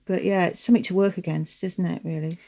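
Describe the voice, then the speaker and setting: Calm woman counsellor. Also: fairly low pitch, fast, creaky. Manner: calm, thoughtful, tag questions. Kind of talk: reflective podcast discussion.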